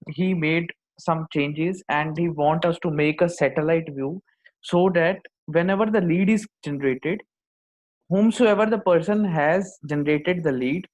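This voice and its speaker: A man with an Indian accent giving a step-by-step software tutorial, often repeating his phrases for emphasis. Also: a little high. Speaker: software instructor. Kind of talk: screen-demo tutorial, explaining step by step. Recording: dull lo-fi microphone sound.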